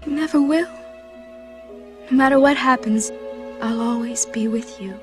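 An actress playing a gentle, devoted young princess in an animated film, tender and heartfelt like a theme park princess. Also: female voice, on the high side, unhurried, natural voice. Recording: film clip with loud music behind.

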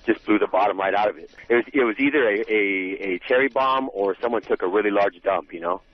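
Halting, deadpan man caller. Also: lowish voice, highs cut off. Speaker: phone-in caller. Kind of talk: live eyewitness account.

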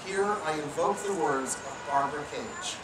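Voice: mid-range voice, lively intonation, normal speed, crowd noise. A wedding officiant telling a playful, teasing story about the couple during an outdoor ceremony. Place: outdoor public garden. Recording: echoey, distant outdoor sound with noise.

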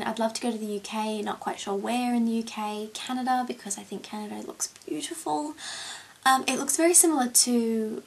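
A woman's voice: fairly high pitch, gravelly, husky, rough recording. A young woman chatting casually to camera as a vlogger, answering tag questions with plenty of ums. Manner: rambling and chatty, with many ums. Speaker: beauty vlogger.

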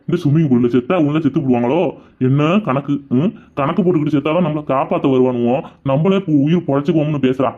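A man's voice: medium pitch, close to an everyday voice. A man voicing a grumpy middle-aged husband in a cartoon, who grumbles and scolds. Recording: dull lo-fi sound.

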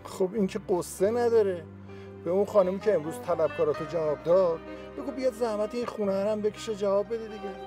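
A man's voice: sits high, music in the background, natural voice. An actor playing a loyal, nosy male friend in a TV series who teases and prods with questions. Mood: teasing. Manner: teasing, prodding questions. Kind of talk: TV series acting.

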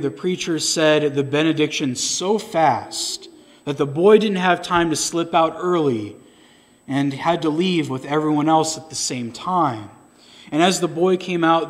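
Higher-voiced pastor telling a story. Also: male voice. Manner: unhurried storyteller, voicing characters in the story. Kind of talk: sermon storytelling. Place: church sanctuary.

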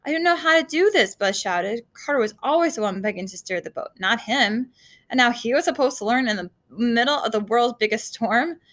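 A woman reading an adventure story aloud in a casual, homely way, with a rather high voice. She stumbles now and then and corrects herself, chatting to her listeners between passages. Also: normal speed, a bit bright. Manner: casual read-aloud with slips and asides to listeners. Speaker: reader of a children's novel.

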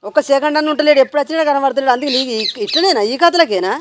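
Fast, nagging high-voiced woman scolding. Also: animated, noisy background. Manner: nagging, repetitive, rapid scolding. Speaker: scolding mother-in-law in a prank skit. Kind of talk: scripted village family prank skit.

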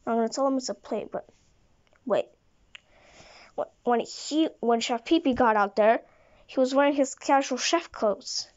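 High-pitched woman telling a made-up fan story, stumbles and restarts a lot, dull muffled recording. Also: moderate pace, long pauses. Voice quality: rambling, frequent restarts and stumbles. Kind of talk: improvised fan story retelling.

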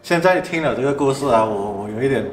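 A man, a spiritual master co-host, calmly explaining and reacting in casual chat. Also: medium pitch, fast, reverberant, a little hiss or hum. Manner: calm, reacts with short interjections then explains.

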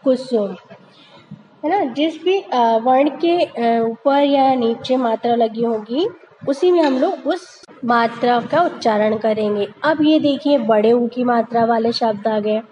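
Slow, high-voiced woman teacher. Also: warm tone, lo-fi sound, slight background noise. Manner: slow, patient, asks the children questions and answers them. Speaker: primary school teacher. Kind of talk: narrated lesson over slides for young children.

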